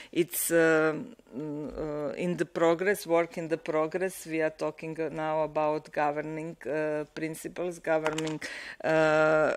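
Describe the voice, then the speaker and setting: A middle-aged woman from Croatia with a Croatian accent, speaking on a conference panel at a desk microphone, pausing often with many fillers and restarts. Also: low voice, clean tone. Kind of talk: panel discussion remarks. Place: conference room, seated at panel table.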